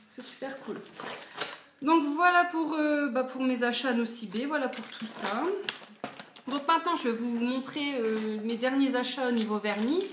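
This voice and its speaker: A young woman in her twenties talks through a beauty haul in a relaxed, chatty way, peppering her sentences with fillers. Her voice sits a little high, and the room around her is echoey with a faint hiss of noise. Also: moderate pace. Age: 20s. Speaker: beauty vlogger. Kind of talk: casual haul video.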